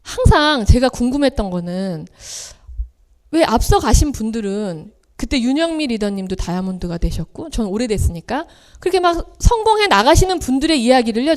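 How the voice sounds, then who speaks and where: A woman's voice: fairly high pitch, darkish tone. A middle-aged woman giving a motivational seminar speech, telling personal stories and acting out the voices of family members. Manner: storytelling, acting out quoted family voices with big swings. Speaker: seminar speaker.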